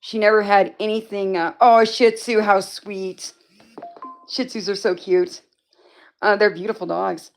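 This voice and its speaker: Woman, livestream host, rambling and chatty, answers comments, mid pitch, at home. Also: steady tone, measured pace, soft background music. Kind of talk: casual livestream chat.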